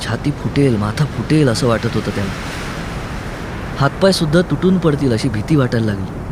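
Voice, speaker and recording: A man's voice: medium pitch, animated, moderate pace. A man reading a novel aloud in dramatic narration, building intensity in the tense passages. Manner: dramatic storytelling with rising intensity. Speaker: audiobook narrator. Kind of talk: scripted narration. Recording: narration over ocean and wind sounds.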